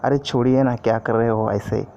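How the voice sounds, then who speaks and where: A man's voice: medium pitch, steady tone, moderate pace, gravelly, warm tone, lightly acted. A man voicing a busy, tired young wife who pleads and coaxes her husband. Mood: coaxing. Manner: pleading, coaxing. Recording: dull lo-fi audio with faint noise.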